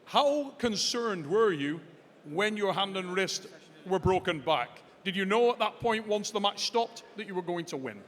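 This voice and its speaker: A man works as a live sports announcer with a booming, pumped-up delivery. His voice sits high, and he stretches names out for effect. The big hall gives his words a long reverb. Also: expressive, a little slow, fairly bright tone. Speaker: ring announcer and post-match interviewer. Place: large indoor event arena.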